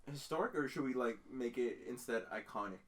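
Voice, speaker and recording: A man's voice: medium pitch, a bit bright. A man in his twenties chatting and joking on a podcast, with lots of "like" as filler. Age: 20s. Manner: quick, joking, uses "like" often. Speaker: podcast co-host. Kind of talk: casual chat.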